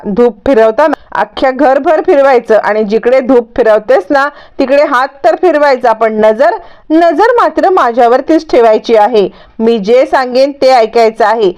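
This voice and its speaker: A woman's voice: sits high, darkish tone, natural voice. Woman voicing a scheming scolding aunt. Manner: stern, slow, hectoring scolding. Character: scheming scolding middle-aged woman, bossy and sharp-tongued. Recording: dull lo-fi recording.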